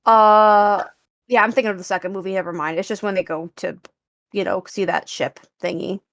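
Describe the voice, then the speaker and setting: An enthusiastic woman co-hosting a casual film podcast, her talk full of fillers and quick asides. Her voice sits at a middle pitch. The sound is dry and close. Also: fairly even intonation, dry recording. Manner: chatty, enthusiastic, many fillers. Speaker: podcast co-host.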